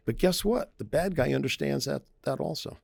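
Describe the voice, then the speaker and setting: Speaking at a normal speed in a creaky, darkish mid-range voice, this private investigator talks through safety tips in a chatty podcast interview. He frequently performs quoted voices and warns emphatically, and there's no echo.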